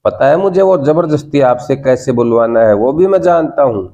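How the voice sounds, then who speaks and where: A man's voice: medium pitch, expressive, moderate pace, dark tone, highs cut off. A man with an Indian accent teaching a spoken English class, coaxing the students and repeating prompts for them to say back. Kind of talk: classroom lesson.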